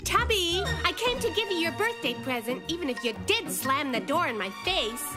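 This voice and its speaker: Cartoon casting: sassy, plucky little girl, high and lively, music underneath. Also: moderate pace. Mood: cheerful. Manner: wry, exclamatory. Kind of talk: children's cartoon voice acting.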